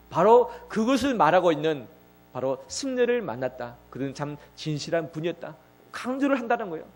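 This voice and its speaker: A male pastor delivering a sermon, asking rhetorical questions and repeating phrases as he builds from quiet storytelling to loud, fervent preaching. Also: sits high.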